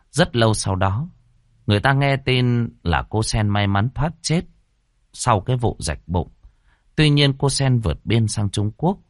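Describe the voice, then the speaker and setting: A man narrating a ghost story in a dramatic, expressive reading style. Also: fairly low pitch, dry recording, clean studio sound.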